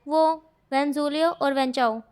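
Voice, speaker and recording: A woman voicing a calm, stern young male student who speaks firmly and scolds his friend. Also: high-pitched, measured pace. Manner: firm, scolding.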